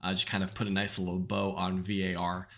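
Deep-voiced American man hosting a podcast. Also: monotone, brisk, vocal fry. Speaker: podcast host. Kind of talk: casual chat.

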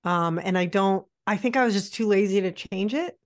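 In a casual chat, a woman in her late forties co-hosts a podcast in a mid-range voice at a moderate pace. She's candid and chatty, pokes fun at herself, and uses plenty of fillers.

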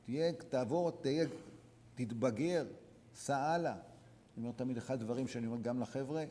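A man, a rabbi, teaching a religious lesson to students, urging them on with repeated short commands and sudden swings between quiet and loud. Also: mid-range voice. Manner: exhorting, repetitive, sharp swings from soft to loud. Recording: long hall reverb.

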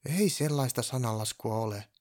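A man's voice: mid-range voice, a little mellow, close to an everyday voice. A man voicing a kind, bewildered elf who cares for cows, asking innocent questions. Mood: puzzled.

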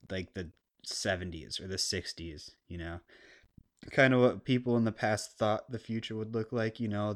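A man with a harsh stoner skater voice, rambling casually and unscripted through a solo podcast with crude, self-deprecating humor, clearly recorded on a podcast mic. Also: on the low side. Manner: laid-back, rambling and unscripted. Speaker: podcast host. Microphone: podcast microphone, clean close sound.

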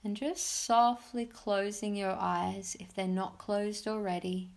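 Leading a guided meditation on her mindfulness podcast, this woman speaks in a mid-range, steady voice that is gravelly and a little mellow. Her phrases are simple and encouraging, delivered in a soothing, unhurried way with pauses.

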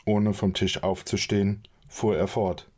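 A man narrates an audiobook in a calm, measured way. His voice sits fairly low, with a dark, mellow tone that suits steady storytelling. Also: breathy edge. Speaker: audiobook reader.

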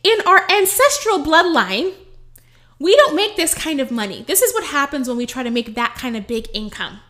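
A woman voicing her inner child as a female police officer, stern and scolding, louder and higher than her normal speech. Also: big pitch swings, normal speed, heavily acted.

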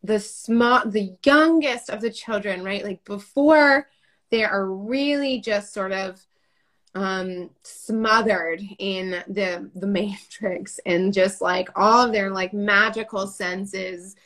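A woman's voice: medium pitch, slow pace, fairly bright tone. A woman hosting an interview, chatty and playful, acting out little quotes, over a video call. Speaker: host. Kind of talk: casual interview chat.

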